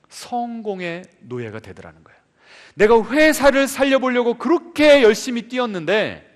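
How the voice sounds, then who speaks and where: High, lively preacher in a reverberant church. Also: male voice. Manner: storytelling with questions to the congregation. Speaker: pastor. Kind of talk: sermon. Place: church sanctuary.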